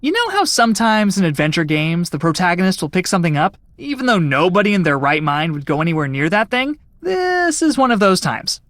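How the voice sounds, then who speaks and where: Lively, wry adventure heroine. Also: female voice, fairly low pitch, brisk, few pauses, no echo. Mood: wry, amused. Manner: wry, cheeky, expressive. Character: quirky, quick-witted young female adventure heroine. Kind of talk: video game character acting.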